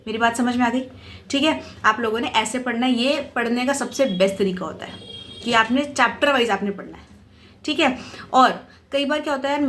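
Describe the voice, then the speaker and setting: A woman's voice: sits high, a bit bright. A young woman giving casual study advice to exam students, chatty and reassuring, often checking that listeners follow along and slipping English words into her speech. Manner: mixes English words into Hindi. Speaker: exam mentor for company secretary students.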